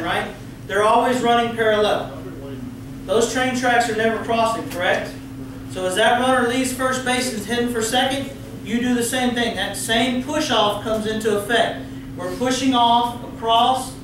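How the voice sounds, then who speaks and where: A middle-aged man with a Texan accent lectures umpires in a large meeting room, coaching them, quizzing the audience and telling folksy jokes. His voice is extremely high-pitched, with background noise behind it. A distant room camera with no visible mic picks him up, so the sound is very echoey and far away.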